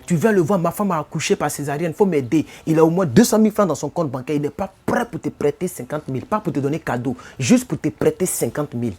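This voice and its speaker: A man's voice: a little high, expressive, fast, few pauses, darkish tone, husky. A man from Côte d'Ivoire with an Ivorian French accent, speaking casually in a live stream. He repeats himself often and keeps asking his viewers whether they follow him. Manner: repetitive, addresses viewers with rhetorical questions.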